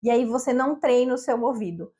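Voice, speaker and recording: A woman's voice: fairly high pitch, lively intonation, brisk, mellow. A woman from Brazil, an English teacher, giving an upbeat, conversational lesson straight to the camera.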